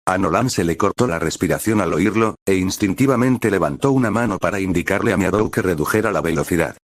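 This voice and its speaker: A man reading a dramatic story aloud as a steady narrator. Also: low voice, quick pace, no echo. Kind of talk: scripted audiobook narration.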